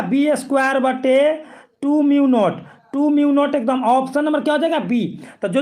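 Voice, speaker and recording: A man with a high, light voice coaches students through exam physics questions. He talks with them directly, repeats key points and keeps asking if they follow. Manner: repetitive, coaxing, keeps checking students follow. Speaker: physics teacher. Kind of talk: exam-prep lesson.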